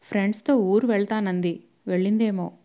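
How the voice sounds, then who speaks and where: An irritated older man who answers in short, curt bursts, read by a woman narrator. The tone is warm and mellow. It stays close to her plain reading voice. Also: mid-range voice, steady tone, fairly quick, lightly acted.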